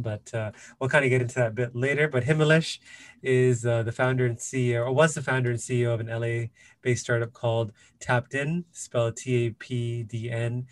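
Guy hosting a podcast, mid-pitched, chatty and upbeat, lots of uhs and kinda. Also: no echo. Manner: chatty, upbeat introductions with fillers. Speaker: podcast host. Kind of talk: casual interview hosting.

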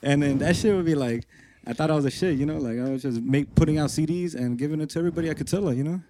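A young man talks quickly in a slightly high voice. He tells stories casually and with plenty of slang, often checking in with a "you know". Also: warm tone, slight background noise. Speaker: rapper being interviewed. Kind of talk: casual storytelling.

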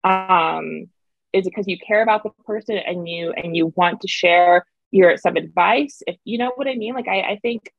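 Gravelly, husky woman talking casually. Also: lowish voice, moderate pace, dry recording, dull audio. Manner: emphatic, repeats phrases for emphasis. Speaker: interview guest, author and video creator. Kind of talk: casual conversational interview.

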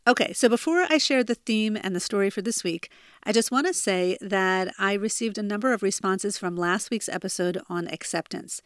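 The self-help podcast host, a New Jersey woman in her forties, talks from her childhood bedroom with a medium-pitched, clean-toned voice. The studio-quality recording has no room sound, and her manner is earnest, chatty and confiding.

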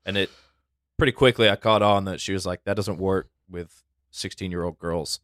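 A man's voice: sits low, steady tone, normal speed, a bit bright, dry recording. A man co-hosting a casual podcast chat, reflective and earnest, often checking in with "right?".

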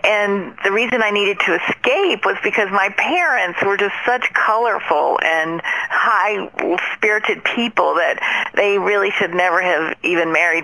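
A woman's voice: on the low side, bright, forceful tone, poor audio. A woman from Mississippi, a guest on a business podcast, telling her life story in an earnest, gracious way. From Mississippi, USA. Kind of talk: interview storytelling.

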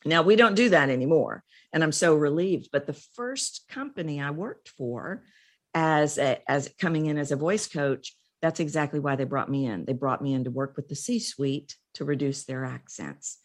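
A middle-aged woman from Texas, in the United States, tells her story as an interview guest. Her voice is low, and she delivers it expressively and emphatically, using dramatic pauses.

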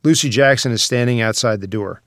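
Reading scene descriptions from a screenplay, a man narrates its stage directions in a scripted way. The recording is extremely dry with no room sound, and his medium-pitched voice is fairly quick and a bit bright.

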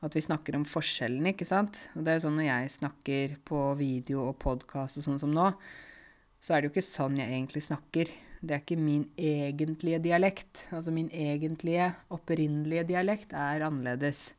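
Low-voiced woman explaining carefully. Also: steady tone, a little mellow. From rural Norway. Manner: slow, careful and clear, with filler sounds. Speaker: language teacher and podcaster. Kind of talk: explaining for language learners.

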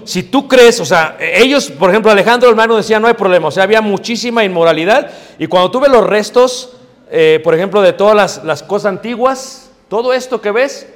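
A man from Mexico City with a Mexico City Spanish accent, preaching a lively sermon to young people and asking them questions. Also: sits high, in a large hall. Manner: lively, joking, asks the audience questions. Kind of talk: sermon to youth.

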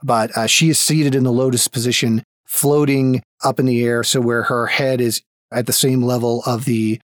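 A man's voice: medium pitch, flat delivery, normal speed, no room sound, clean studio sound. A man running a tabletop game as game master, narrating in descriptive, improvised phrases.

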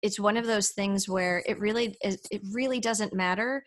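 A woman's voice: medium pitch, normal speed. A woman hosting a podcast interview, talking in a chatty, encouraging way and laughing often. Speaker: podcast host.

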